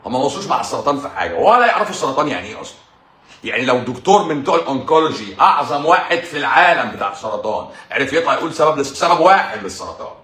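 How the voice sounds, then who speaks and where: A man's voice: medium pitch, big pitch swings, very fast, a bit bright, reverberant. A man with an Egyptian Arabic accent, a doctor hosting a live stream in a casual monologue, mocking and combative, repeating his points for emphasis.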